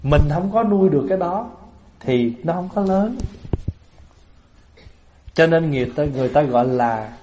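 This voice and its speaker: Buddhist monk, fairly high-pitched male voice, lively storytelling sermon. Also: moderate pace, long pauses, slight background noise. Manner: lively storyteller, acts out everyday scenes with laughter. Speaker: Buddhist monk giving a Dharma talk. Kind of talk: sermon to a lay assembly.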